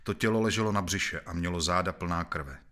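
Deep-voiced man reading a grim novel. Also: sharp tone. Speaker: narrator.

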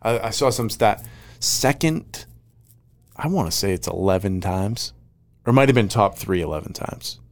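A man's voice: lowish voice, expressive, normal speed, no echo. A man with a nasal, congested voice, chatting casually and rambling as a podcast co-host. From Maine. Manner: rambling, laughs often. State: congested, recovering from covid. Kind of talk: casual chat.

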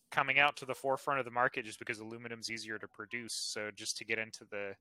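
A man's voice: fairly low pitch, pushed and bright, no room sound, low-quality recording. A married man co-hosting a casual podcast, explaining things in a confident, informal way. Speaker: podcast co-host. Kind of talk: casual chat.

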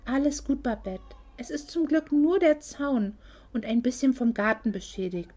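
Brief: a caring young woman, gentle and soothing, read by a female narrator. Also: high-pitched, normal speed. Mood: concerned. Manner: gentle, reassuring.

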